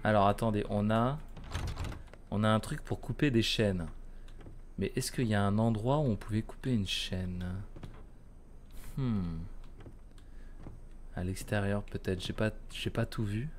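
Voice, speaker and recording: A male streamer in his thirties, with a fairly low voice, talks a little slowly and pauses often while casually commenting live on a horror game and chatting with viewers. He mutters to himself with bursts of exclamation, and the clearly noisy recording carries the game's horror ambience behind him.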